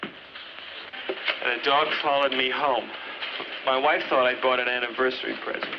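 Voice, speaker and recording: A man's voice: mid-range voice, fairly even intonation, a little slow, natural voice. An actor playing a flustered, indignant innocent husband under police questioning, a man in 1950s screwball comedy banter. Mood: rueful. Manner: earnest, exasperated, protesting. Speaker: murder suspect. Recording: dull, noisy 1950s film soundtrack.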